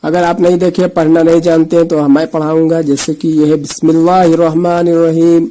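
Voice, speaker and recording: A man teaching the Urdu alphabet, patiently repeating letter names slowly and explaining each letter. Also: a little high, level tone, mellow, poor audio. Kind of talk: slow letter-by-letter reading lesson.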